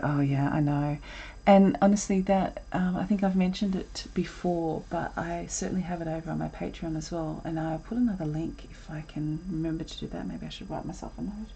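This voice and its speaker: A woman with a low, creaky, warm voice and a breathy edge hosts a live drawing session from her desk at home. She rambles chattily with plenty of ums and self-interruptions, and the audio is muffled.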